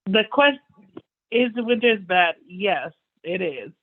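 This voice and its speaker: A woman's voice: medium pitch, lively intonation, a little slow. Woman over a tinny line. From Texas, USA. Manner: candid and laughing, gives frank advice. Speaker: theater apprentice. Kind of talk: casual panel chat.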